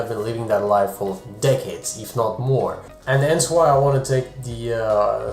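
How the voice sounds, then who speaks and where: Man, travel vlogger from France, casual chat to camera, roomy echo, soft music underneath. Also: medium pitch. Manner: chatty, self-interrupting, jokey asides.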